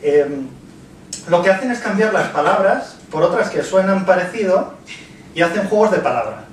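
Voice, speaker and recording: A man's voice: high voice, lively intonation, a little fast, very echoey, far from the mic, a little hiss or hum, low-quality recording. A man explaining things in an easygoing, chatty way. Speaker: video commentator. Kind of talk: casual explanation.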